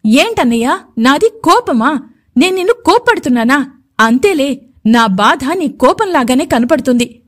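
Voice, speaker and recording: A woman's voice: high voice, sing-song, moderate pace, a bit bright. A woman voicing a stubborn, agitated young woman who taunts and complains in a raised voice. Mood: resentful.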